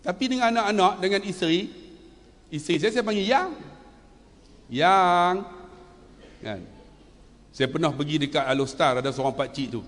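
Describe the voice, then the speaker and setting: A man in his fifties giving an animated, humorous religious talk and quizzing his audience. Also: a little high, moderate pace, long pauses. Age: 50s. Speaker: religious speaker. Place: large event hall. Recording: long reverb of a big hall.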